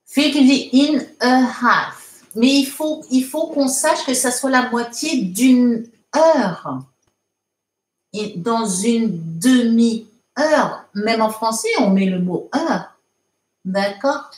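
A woman's voice: fairly high pitch, animated, roomy sound. A woman teaching English in a live online lesson, patiently reading out viewer comments and correcting them step by step. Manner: slow, patient, explains step by step, frequent fillers.

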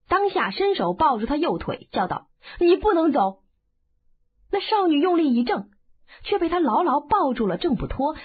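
Lively high-voiced woman narrating a story. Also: slightly rough. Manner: expressive, dramatic. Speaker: audiobook narrator. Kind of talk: storytelling narration of a martial arts novel. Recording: phone-like narrow band.

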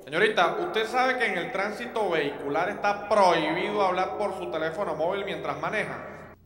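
A woman's voice: fairly low pitch, moderate pace, fairly bright tone, roomy sound, long reverb tail, voice pushed down, close to an everyday voice. A woman voicing a stern male traffic police officer who scolds formally. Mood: scolding.

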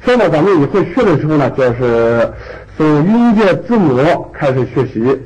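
Male teacher with a high, lively voice, patient, repeats his points. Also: rough recording. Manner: patient, repeats key points with drawn-out particles. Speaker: language teacher. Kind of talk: classroom lecture.

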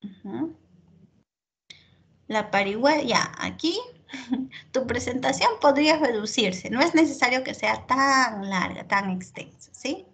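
A woman teacher talks slowly and unhurriedly, her slightly high voice often dropping into a gravelly fry. She gives feedback in an online class, checks in with her student after nearly every phrase, and fills her pauses with small hesitations. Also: lively intonation, a bit bright. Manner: checks in constantly with the student, frequent filler pauses.

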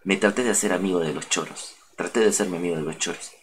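A man's voice: low-pitched, fast talker, a little hiss or hum. A young man with a Peruvian accent, a streamer telling a story in casual, slang-heavy street talk full of swearing. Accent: Peruvian Spanish.

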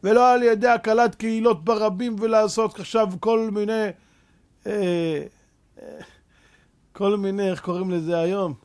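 A man's voice: high-pitched, fairly even intonation, a little mellow. A man preaching a Torah sermon as a rabbi, fervent and full of rhetorical questions, mixing street slang with scripture.

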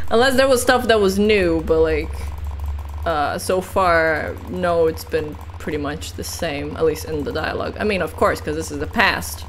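Tired, slow-talking woman gamer. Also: deep voice, slight background noise. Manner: rambling, swears casually, laughs often. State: tired, yawning. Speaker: let's play gamer. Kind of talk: casual gameplay commentary.

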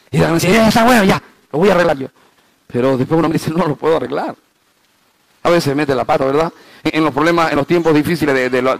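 A male pastor preaching a sermon, swinging between loud, high emphasis and hushed low passages, slowing down to stress key phrases and asking the congregation rhetorical questions. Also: no echo, low-quality recording.

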